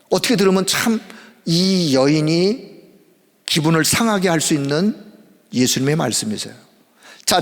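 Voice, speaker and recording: A male pastor delivering a midweek sermon in animated, emphatic preaching, in a church sanctuary with a long reverb. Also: high-pitched.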